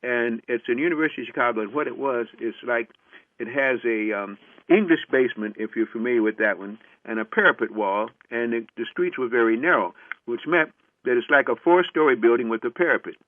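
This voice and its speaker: An older man with a mid-range voice speaks a little fast as a lecturer telling a personal story. He acts out the remembered dialogue with many "I said" asides, on a tinny, phone-like dry recording.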